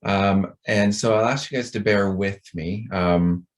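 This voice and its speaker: A man's voice: lowish voice, steady tone, measured pace. A middle-aged man giving a chatty, rambling talk to a conference over a video call, with a self-deprecating manner. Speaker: conference speaker.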